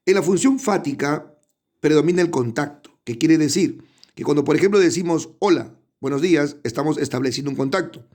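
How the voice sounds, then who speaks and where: A man's voice: fairly high pitch, brisk, darkish tone. A middle-aged man, a teacher giving an online class who explains step by step and often checks in with his students. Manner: explanatory, addresses students often, frequent tag questions.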